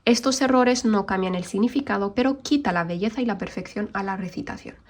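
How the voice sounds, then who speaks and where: A woman teaching an online recitation lesson, explaining patiently and modelling Arabic sounds slowly. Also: medium pitch.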